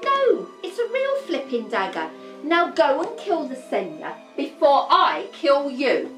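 A woman playing a sharp-tongued, scheming Lady Macbeth in a comic film, bossy and sarcastic. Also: sits high, huge pitch swings, echoey room, faint music behind, heavily acted. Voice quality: brisk, scolding, sarcastic. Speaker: actor in a comedy film. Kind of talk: comic stage acting.

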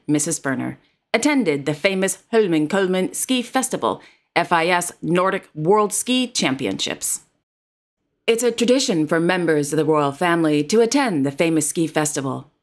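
A woman presenting royal news in a formal, carefully read narration. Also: low-pitched. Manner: formal, reads titles and quotes carefully.

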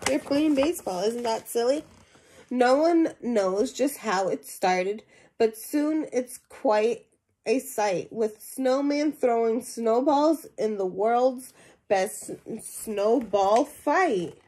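With a warm, fairly high voice and lively intonation, a young woman reads slowly from a children's picture book. She is at home in a small room, adding simple questions and asides for her young audience.

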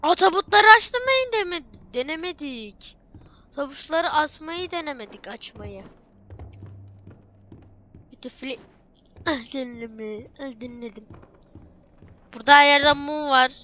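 A woman narrating her own gameplay in a high, bright voice. She chats away excitedly, muttering to herself and calling out to her viewers. A faint hum of background noise sits under the voice. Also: muffled recording. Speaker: gameplay streamer. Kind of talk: let's play commentary.

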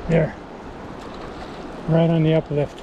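A man fishing a river, calmly explaining his approach and flies as he casts, filmed on a head-mounted camera outdoors. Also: fairly high pitch, muffled recording. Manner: calm, explanatory, talking to himself between casts. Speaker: fly fishing angler. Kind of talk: casual narration while fishing. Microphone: head-mounted action camera. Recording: outdoor camera audio with loud river noise. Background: rushing stream water.

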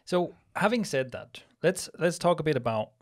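A man's voice: on the high side, animated, moderate pace. A man in his thirties from Switzerland, co-hosting a casual podcast and thinking aloud with restarts into a studio mic. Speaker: podcast co-host. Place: small studio room with plant wall. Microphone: studio mic on boom arm, headphones.

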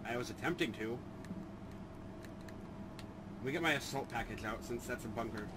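Wry, swearing man over loud game sounds. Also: mid-range voice, moderate pace, heavy background noise. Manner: wry, deadpan jokes and swearing. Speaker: gaming channel host. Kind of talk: casual gameplay commentary. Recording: game sounds clearly behind voice.

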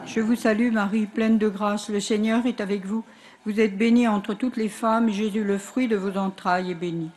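Female prayer leader, mid register, even recitation trailing softly, outdoor setting. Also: mid-range voice, normal speed.

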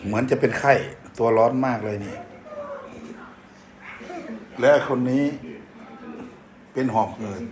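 A man's voice: mid-range voice, slow pace, pauses often. An older man with an Isan accent, a grandfather chatting casually and playfully while filming his grandchildren on a phone in a hospital room. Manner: doting and playful, coaxing the children. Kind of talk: casual home-video chat. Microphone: phone held while filming.

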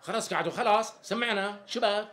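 An actor playing a smooth-talking, evasive tailor in a TV sketch comedy, speaking with a Damascene Arabic accent and chuckling salesman patter. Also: sits high, fast, a bit bright. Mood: sweet-talking. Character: smooth-talking flattering middle-aged male tailor.

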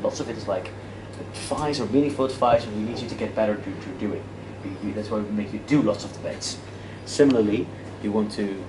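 A Dutch-native man in his thirties, medium-pitched, gives a casual, self-deprecating interactive lecture at a debate workshop, full of fillers and restarts as he walks and gestures. He's in an indoor classroom with a projector screen. A distant camera picks him up, so the audio is echoey and noisy.

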